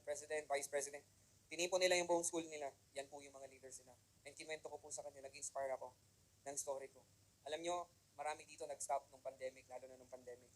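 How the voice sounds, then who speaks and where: A man giving an animated motivational seminar talk to a live audience in a room, mixing Tagalog and English and often checking in with the crowd. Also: on the high side, poor audio. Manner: animated, keeps asking the audience "di ba?". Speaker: motivational speaker.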